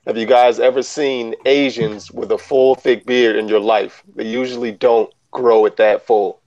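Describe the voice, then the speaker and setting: A man's voice: mid-range voice, fairly even intonation, unhurried, darkish tone. Easygoing man, dull lo-fi sound. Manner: easygoing, hesitant with fillers. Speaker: live stream panelist reading questions. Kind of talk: casual chat.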